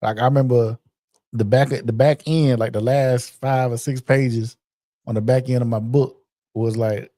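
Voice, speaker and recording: A man co-hosts a podcast in relaxed, casual conversation and often answers with short affirmations. His voice is mellow and warm at a middling pitch. The recording is dry and close, with no room sound. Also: a little slow, no room sound. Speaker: podcast co-host. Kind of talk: casual chat.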